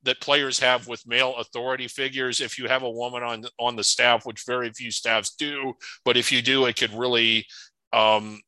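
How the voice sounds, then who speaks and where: A man's voice: mid-range voice, little pitch movement, normal speed, sharp tone, clear, resonant tone, no room sound, poor audio. A man co-hosting a sports podcast, opinionated and prone to stumbling restarts. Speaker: podcast co-host. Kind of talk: casual sports podcast chat.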